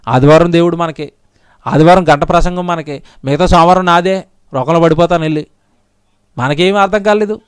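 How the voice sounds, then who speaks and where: A man's voice: high voice, clean tone, no room sound, studio quality. A male pastor preaching a sermon in an impassioned, pleading way, repeating his lines over and over.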